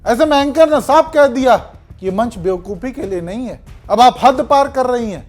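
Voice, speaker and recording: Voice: mid-range voice, expressive, normal speed, a little mellow, soft background music. A news voice-over narrator recapping a debate clip, with pointed, sarcastic asides.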